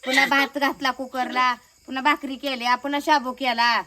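A young village woman talks casually to the camera in a home vlog. Her voice sits high, and she keeps coaxing a small child with chatty, repeated questions. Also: level tone, a little fast, bright, forceful tone. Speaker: village vlogger.

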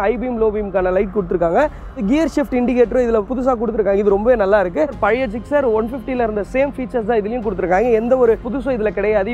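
Young male motorcycle reviewer, very high voice, rushes through his points outdoors; slightly muffled sound, soft music under it. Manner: rapid explanatory talk, standing by a motorbike. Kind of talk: bike review to camera. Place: outdoors by a roadside.

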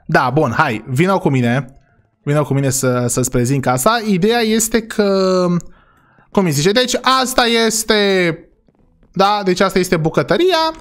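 A man with a high voice hosts a playful role-play vlog. He is excitable and keeps calling out to his viewers. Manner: excitable, addresses viewers directly. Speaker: vlogger host.

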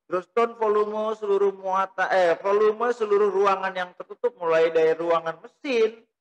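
A man's voice: high voice, steady tone, moderate pace, lo-fi sound. A middle-aged man giving a recorded lecture, explaining step by step and asking and answering his own questions, recorded indoors on a desk microphone. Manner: gestures while talking. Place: small indoor room. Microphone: desk mic on stand.

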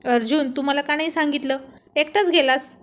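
A woman voicing a light-hearted, easygoing young man in a storybook, in a high voice. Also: steady tone, moderate pace, close to an everyday voice.

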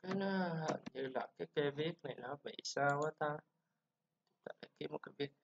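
A man with a Vietnamese accent teaching English pronunciation, drilling sounds and syllables slowly with chatty asides. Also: a little high, gravelly, background noise. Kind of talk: informal pronunciation lesson. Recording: slightly dull lo-fi sound.

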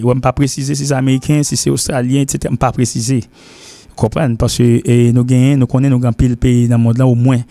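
A man's voice: mid-range voice, dark tone, dry recording. A middle-aged man with a Haitian accent, an English teacher hosting a TV lesson, rambling, repeating himself and switching between languages. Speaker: English teacher and show host. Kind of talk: TV lesson talk.

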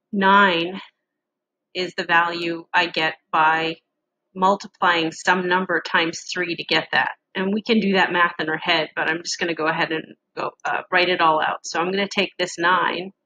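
Casting: female instructor, bright with vocal fry, casual halting walkthrough, slight background noise. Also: on the low side, dull audio. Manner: casual, halting explanation with pauses. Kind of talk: screen-shared lesson walkthrough.

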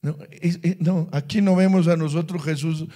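A high-pitched male pastor preaches with fervor, shouting and repeating phrases. He tells testimonies in a sermon before a congregation. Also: steady tone, normal speed.

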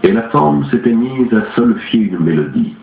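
A man reading an audiobook aloud in a steady, even way. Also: mid-range voice, moderate pace, creaky, slight background noise. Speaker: audiobook reader. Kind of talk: audiobook narration. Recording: tinny lo-fi, roomy echo.

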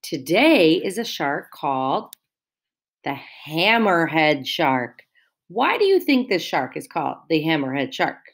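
In a low voice, a teacher reads a picture book to young children, stopping to ask questions and explain new vocabulary. Her patient, slow speech has a lively, sing-song lilt that swoops up and down.

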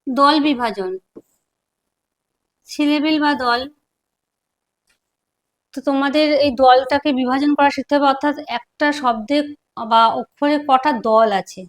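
A woman teacher giving a lesson at a board, speaking slowly and repeating syllables aloud to show how they sound. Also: high voice. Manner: slow, repeats syllables to demonstrate pronunciation. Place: classroom with a board.

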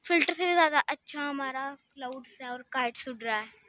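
Young female vlogger, high and bright, slight lisp, excited gushing chat into a handheld phone outdoors. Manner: gushing, excited, mixes in English words. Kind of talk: casual vlog chat. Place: rooftop terrace outdoors at sunset.

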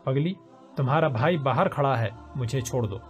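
A man's voice: medium pitch, dull audio, soft background music, close to an everyday voice. A man voicing a playful, affectionate young woman who teases her friend like an older sister. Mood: teasing. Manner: playful, teasing.

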